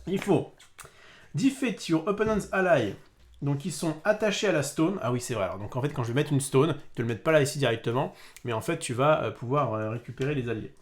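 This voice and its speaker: A man's voice: medium pitch, a little fast. A man hosting a casual board game session, explaining the rules with many hesitant fillers as he reads the cards. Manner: hesitant, many fillers while reading card text.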